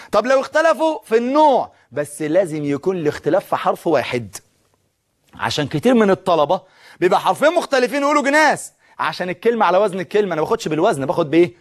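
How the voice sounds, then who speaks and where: A man with an Egyptian accent teaching Arabic on a televised lesson. He recites verse slowly and drawn out, and quizzes viewers. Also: sits high. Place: studio with a blackboard.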